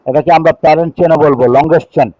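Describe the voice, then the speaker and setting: A middle-aged man from Bangladesh with a Bangladeshi accent gives a classroom chemistry lecture. He reads rules slowly in English, then explains them in Bengali and counts chain carbons aloud. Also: a little high, fairly even intonation, no room sound. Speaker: chemistry teacher. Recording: dull, dry lo-fi recording.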